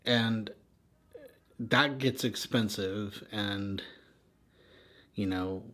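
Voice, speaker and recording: A man's voice: lowish voice, drawn-out words, fairly bright tone. An American man in a candid, unscripted rant, sounding worn out and weary, speaking frankly and trailing off. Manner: exhausted, weary, sighing and trailing off; frank, swearing. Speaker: vlogger venting personal frustrations.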